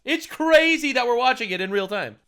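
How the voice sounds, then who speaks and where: A man reacting casually alongside a commentary, with quick interjections that swing from loud outbursts to low muttering. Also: expressive. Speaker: co-host reacting. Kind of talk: casual live reaction chat.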